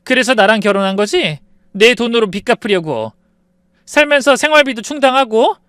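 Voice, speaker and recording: A man voicing a furious young wife who coldly confronts her deceitful in-laws, rising into shouts. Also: extremely high pitch, lively intonation, moderate pace, smooth, no room sound, clean studio sound, voice pushed up. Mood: shouting. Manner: cold and cutting, rising to shouts.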